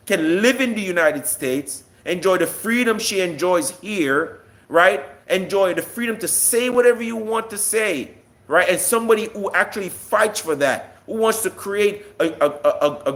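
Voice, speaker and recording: A Jamaican man streams a live political monologue to online viewers, impassioned and combative, hammering his points with rhetorical questions. His voice is high and a bit bright.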